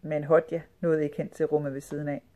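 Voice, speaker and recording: A woman narrating a children's storybook with a lively, expressive read. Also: sits low, dull audio. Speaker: audiobook reader.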